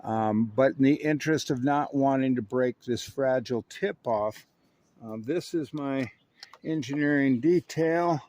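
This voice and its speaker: Unhurried and medium in pitch with a darkish tone, this man hosts a video for a radio hobby channel. His folksy narration demonstrates a hands-on task one step at a time.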